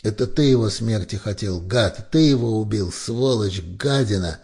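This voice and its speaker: A man's voice: fairly low pitch, expressive, normal speed, gravelly, darkish tone, breathy edge, voice pushed up, heavily acted. A man voicing a hysterical young man who screams accusations. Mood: furious. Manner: shrieking, sobbing accusations.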